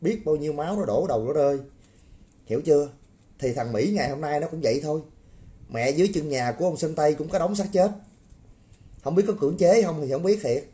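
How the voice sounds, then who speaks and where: A man's voice: on the high side, a little fast, long pauses, warm tone. A man ranting crudely on a livestream, mocking and swearing, often asking viewers to agree. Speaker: political commentator. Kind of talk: livestream rant.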